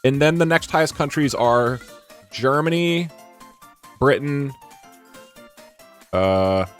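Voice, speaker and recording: A medium-pitched man speaks slowly over soft background music while streaming at a green screen setup with a desk mic. His chat with viewers is casual, rambling and animated, punctuated by fillers and frequent restarts.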